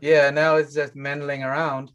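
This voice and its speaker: A man hosting a live trading stream, chatting casually about the markets with friends, relaxed and quick to chuckle. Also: on the high side, clear, resonant tone. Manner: relaxed, chuckling, talks over others.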